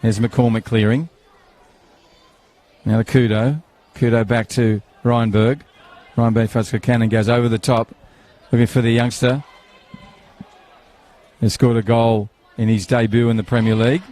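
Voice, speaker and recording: A man's voice: mid-range voice, flat delivery, measured pace, pauses often, mellow, a faint crowd. A man, commentating live on a football match outdoors, chatty and rambling, with banter and fillers.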